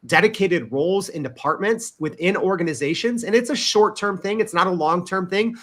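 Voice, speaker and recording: A man appears as a guest on a podcast interview, speaking emphatically and sprinkling in "right?" and "you know." His voice sits high and is expressive and a bit bright, at a normal speed.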